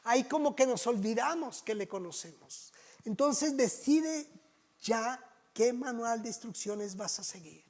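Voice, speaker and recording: A pastor delivers a sermon in a conversational, storytelling way. He often asks rhetorical questions. His voice sits very high for a man. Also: expressive, a little slow, darkish tone.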